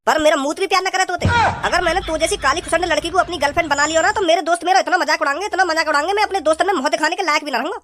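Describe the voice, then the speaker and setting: A woman's voice: very high-pitched, a bit bright, a little hiss or hum. A woman voicing a rude, mocking young man in a cartoon, with rustic, dismissive banter. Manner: scornful, rapid rustic banter. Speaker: cartoon character Bhajji.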